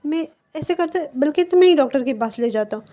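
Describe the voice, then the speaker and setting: Doting young husband, reassuring and eager, high mellow read by a woman narrator. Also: animated, fast.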